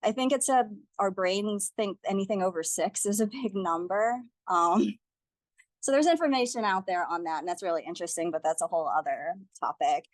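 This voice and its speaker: A woman's voice: mid-range voice, moderate pace, no echo. A young woman giving a community teach-in presentation, speaking earnestly and steadily as she reads figures and a testimony aloud.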